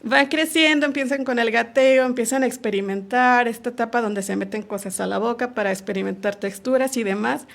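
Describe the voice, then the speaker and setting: Gravelly-voiced woman explaining patiently. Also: on the high side, fairly even intonation, fairly quick, few pauses. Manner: explains patiently, acting out little quoted dialogues. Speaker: podcast guest on sexual education. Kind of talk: casual explanatory conversation.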